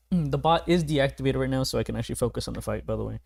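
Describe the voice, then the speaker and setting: A man's voice: mid-range voice, creaky, a little mellow. A young man streaming a video game, rambling in casual commentary, laughing often and swearing casually. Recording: game music playing behind.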